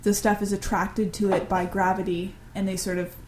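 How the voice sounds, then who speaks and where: A woman's voice: mid-range voice, little pitch movement, moderate pace, a little mellow, slight background noise. A young woman co-hosting a podcast, chatting casually and enthusiastically, swearing freely. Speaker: podcast co-host.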